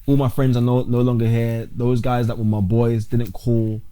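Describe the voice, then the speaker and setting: Young man, dark voice, halting. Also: mid-range voice, little pitch movement, clean tone. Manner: halting, restarts often, calls the host bro. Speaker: podcast guest. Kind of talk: casual interview talk.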